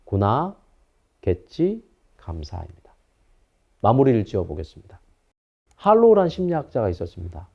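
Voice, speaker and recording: A psychology professor in his fifties delivers a recorded lecture. He speaks with a very expressive, wide-ranging pitch and a storyteller's manner. The audio is a little dull and lo-fi. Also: gravelly. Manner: storytelling lecturer who acts out anecdotes.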